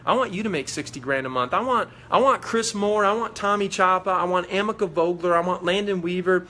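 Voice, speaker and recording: A man's voice: sits high, brisk, sharp tone. Fired-up man on a motivational livestream. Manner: fired-up, preachy, repetitive. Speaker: network marketing leader. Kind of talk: motivational Facebook Live talk.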